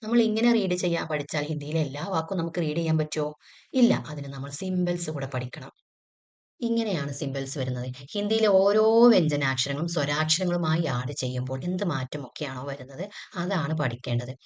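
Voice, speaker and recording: A woman's voice: low-pitched, animated, brisk, a little mellow. A woman teaching a patient lesson, asking questions and then answering them herself, sounding out letters one at a time. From Kerala. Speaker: Hindi teacher. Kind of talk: classroom-style lesson explanation.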